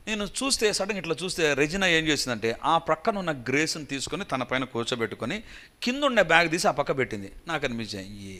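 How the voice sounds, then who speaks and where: A man's voice: fairly high pitch, pushed and bright. A man preaching, telling a personal story as testimony and acting out the voices and cries of the people in it.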